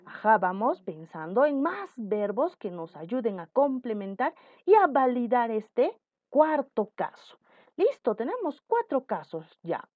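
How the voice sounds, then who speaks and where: A woman teacher giving a patient spelling lesson, repeating example words slowly. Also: fairly high pitch, big pitch swings, dry recording. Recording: dry, phone-like audio.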